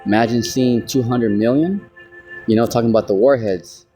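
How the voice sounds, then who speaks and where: A man's voice: mid-range voice, normal speed, dark tone, soft background music. An American man teaching from the Bible in a casual, rambling way, often saying "you know". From United States. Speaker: street preacher.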